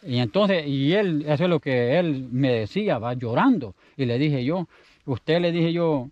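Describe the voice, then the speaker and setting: Outdoors in the countryside, a Salvadoran man with a fairly high, slightly mellow voice tells a story a little slowly with lively intonation, speaking Salvadoran Spanish. His speech is casual, chatty, and rambling, and he often repeats his words. The recording is dry, with the highs cut off.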